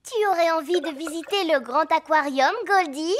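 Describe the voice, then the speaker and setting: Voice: sits high, normal speed, a bit bright. A performer voicing a cheerful, curious, chatty little girl piglet in a preschool cartoon dub, with an inquisitive, giggly, assertive delivery. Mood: chirpy, eager.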